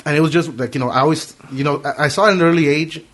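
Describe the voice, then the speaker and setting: Fast-talking podcast host swearing freely. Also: male voice, on the high side, fairly even intonation, a bit bright. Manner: quick, profane anecdote telling with acted quotes. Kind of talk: casual podcast chat, storytelling.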